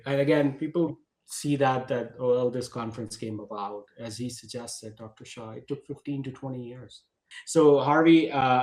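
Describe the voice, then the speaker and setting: A man's voice: mid-range voice, darkish tone, reverberant, rough recording. A male podcast host giving enthusiastic, effusive introductions to his guests. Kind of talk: podcast interview.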